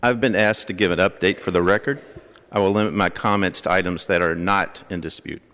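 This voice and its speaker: Low-voiced man reading a statement. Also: fairly even intonation, a bit bright. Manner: measured, factual. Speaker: public commenter. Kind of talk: prepared public statement. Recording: long hall reverb.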